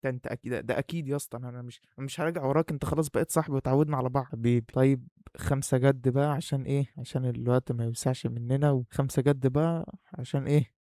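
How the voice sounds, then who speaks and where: A young adult YouTuber with an Egyptian Arabic accent chats playfully and casually to the camera in a vlog, speaking very fast at a medium, steady pitch with a dark tone. His voice is muffled by the face mask he wears, and he breathes hard through it. The recording is clean studio sound with no echo.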